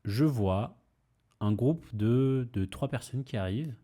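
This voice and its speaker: A man's voice: medium pitch, expressive, slow pace, warm tone. Laid-back young man telling a story. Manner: rambling, many fillers and restarts, mild swearing. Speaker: podcast host. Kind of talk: casual storytelling.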